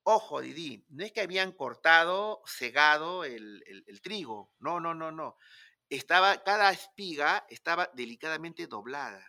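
A man's voice: a little high, animated, moderate pace, gravelly, pushed and bright. A man from Peru with a Peruvian accent, telling a story in a casual, dramatic way and acting out the dialogue. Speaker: guest storyteller.

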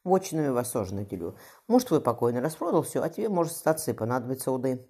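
An old, limping tsar speaks with heavy, mocking authority, as a woman reader puts him on. The voice is very low and dark in tone. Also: sing-song, fast, breathy edge, exaggerated voice.

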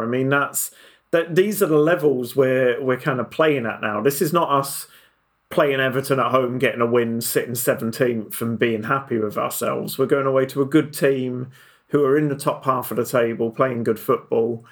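A man with a croaky voice, chatting casually as a guest on a football podcast. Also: medium pitch.

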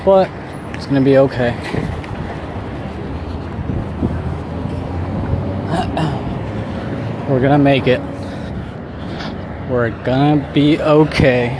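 This mid-range voice belongs to a man in his thirties, born in Mexico and raised in Southern California, vlogging as he walks home outdoors. He speaks extremely slowly with long pauses, rambling with frequent fillers, restarts and self-deprecating humor, while faint traffic and street noise sit in the background.

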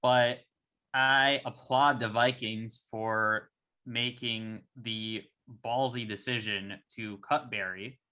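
Bright-voiced excitable young man. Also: medium pitch, slow. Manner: excitable, rambling with restarts. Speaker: podcast co-host. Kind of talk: casual sports chat.

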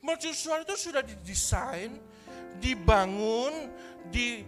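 Male pastor preaching at church, lively, keeps asking the crowd questions, soft music under. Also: very high voice, takes it slowly. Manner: animated, rhetorical questions, sound effects. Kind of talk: sermon. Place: church service.

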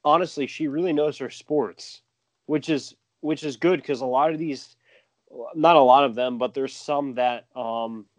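A man's voice: medium pitch, unhurried, no room sound. A man talking casually and earnestly about sports, with "dude" and "man" dropped in. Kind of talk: casual chat.

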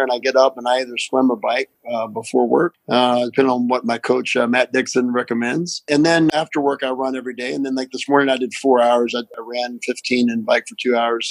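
A man's voice: medium pitch, vocal fry, dry recording, low-quality recording. A middle-aged man with an Appalachian accent, a doctor answering interview questions conversationally. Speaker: pain physician, interview guest.

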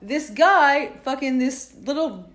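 Woman, casual podcast talker, fairly high, blunt and profane. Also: animated, takes it slowly, fairly bright tone. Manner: blunt, swears freely, retells TV gossip. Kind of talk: casual chat.

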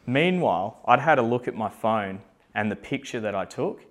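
A man's voice: mid-range voice, animated, moderate pace. A young man, a company founder, telling a personal story in a casual, candid way, with plenty of fillers and self-deprecating asides.

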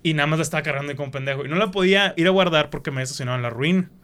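With a Mexican Spanish accent, this young podcast host races through casual conversation in a slightly high, fairly bright voice that is clear and resonant. His stories ramble, brim with slang, and include acted-out quotes from other people.

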